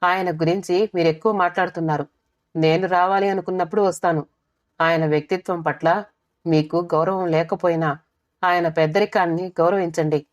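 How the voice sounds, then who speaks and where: A woman voicing a calm, firm middle-aged wife who reasons gently. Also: lowish voice, moderate pace, close to an everyday voice. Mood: firm, soothing.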